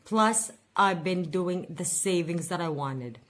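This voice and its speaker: Her voice sits lowish and a bit bright, slow but with lively intonation. The speaker, a budget vlogger in her forties, rambles and vents in a casual personal video, repeating words for emphasis.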